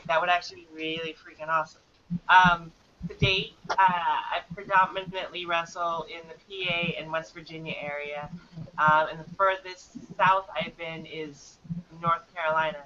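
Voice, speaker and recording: A woman's voice: fairly low pitch, steady tone, normal speed, sharp tone, muffled recording. A woman, a guest wrestler, chatting in a casual podcast interview with an upbeat, easygoing manner. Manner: upbeat, laughs easily.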